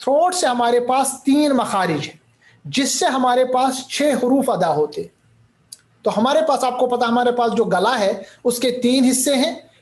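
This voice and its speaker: A man teaching Qur'anic recitation in a recorded lecture. He explains patiently, repeats each term, mixes in English words and sounds out letters slowly. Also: very high-pitched, darkish tone.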